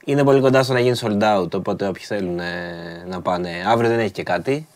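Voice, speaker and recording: A man co-hosting a sports radio show, chatting casually and teasing his partner. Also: fairly low pitch. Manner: laid-back, teasing, laughs often.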